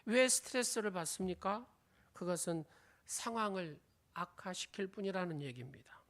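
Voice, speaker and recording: A woman's voice: fairly low pitch, lively intonation, normal speed. A woman preaching a sermon, telling an illustrative story and quizzing the congregation with questions, her sentence endings often fading to a whisper. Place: church sanctuary.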